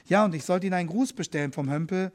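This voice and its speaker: A friendly middle-aged policeman, as a man puts him on, his voice sitting high for a man. He speaks plainly and confidingly, like someone letting a prisoner in on a quiet plan. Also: racing, close to an everyday voice.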